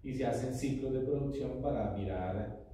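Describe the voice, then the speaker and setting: A middle-aged man who owns a coffee company, answering interview questions in a measured, explanatory way in an office meeting room. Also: mid-range voice, mellow. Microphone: far camera. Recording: echoey room from far off.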